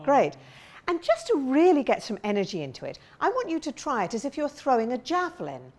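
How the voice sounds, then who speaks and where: Woman voice coach, high lively voice, encouraging, demonstrates warm-ups. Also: a little fast. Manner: encouraging, demonstrating sounds with big slides and shouts. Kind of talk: vocal warm-up lesson.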